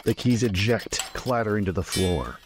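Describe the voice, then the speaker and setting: A man leads a tabletop role-playing game as game master. His voice sits a little low, and he paints each scene in steady, descriptive narration. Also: normal speed, background noise.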